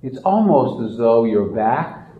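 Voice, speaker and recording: A man leading a guided relaxation meditation in a slow, soft, soothing manner. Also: mid-range voice, big pitch swings, reverberant, phone-quality sound.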